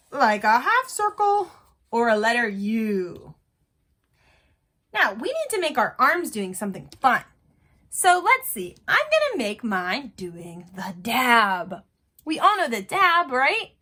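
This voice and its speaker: A woman art teacher at the elementary level leads young children through a drawing tutorial step by step, using simple, encouraging phrases. Her voice is high-pitched, bright, and pushed.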